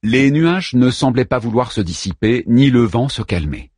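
A man narrating an audiobook with expressive, vivid storytelling. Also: mid-range voice, moderate pace, husky, no echo, clean studio sound.

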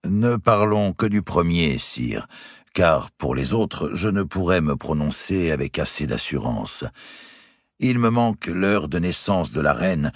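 A man voicing a cautious older male court astrologer who speaks slowly and carefully, with a husky voice. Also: deep voice, dry recording, studio quality, exaggerated voice. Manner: slow, measured, careful.

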